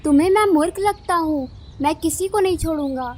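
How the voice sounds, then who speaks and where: A woman's voice: extremely high pitch, a little fast, a little mellow. A woman voicing a hungry male eagle villain in a cartoon, gloating and threatening. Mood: menacing.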